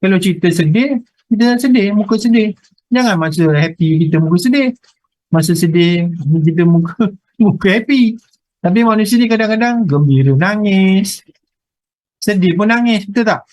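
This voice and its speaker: Lively Malaysian man lecturing online. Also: high-pitched, moderate pace, dry recording, poor audio. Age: middle-aged. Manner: teasing, lively, asks students questions. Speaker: university lecturer. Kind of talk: online lecture with class banter.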